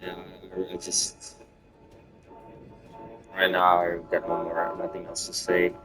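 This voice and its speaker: A young man in his twenties with a lowish voice, musing aloud in a loose, unscripted monologue. He rambles and stops to restart his thoughts, padding them with plenty of fillers. Music plays clearly behind him. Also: completely flat delivery, slow pace, rough recording. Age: 20s. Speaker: gaming video creator. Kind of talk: casual reflective monologue.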